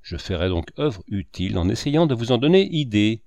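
Sardonic lecturing cynic from an audiobook, lively swooping delivery, dry close sound, read by a man. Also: on the low side, moderate pace, dry recording. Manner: declamatory, sweeping and sardonic. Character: lecturing older male cynic, sardonic talker.

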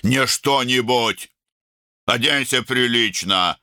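A man's voice: mid-range voice, slow pace, bright, forceful tone, no echo, clean studio sound, pitched above the performer's own voice, exaggerated voice. A man voicing a domineering older brother who barks commands in a raised voice. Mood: barking orders. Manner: barking, commanding.

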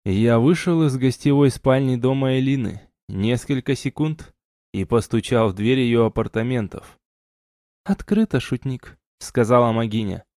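A man narrating a first-person fantasy audiobook in a measured, even reading. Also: mid-range voice, no room sound, studio quality. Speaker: audiobook reader.

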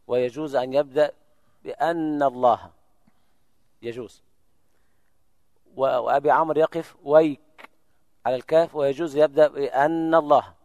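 A man of middling pitch recites example words slowly and with care, then explains them briskly in a religious lesson. His voice comes through dry and close on the microphone. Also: a little mellow, dry recording. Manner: slow drawn-out recited examples between quick explanations. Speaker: Quran recitation teacher giving examples. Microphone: lecture microphone.

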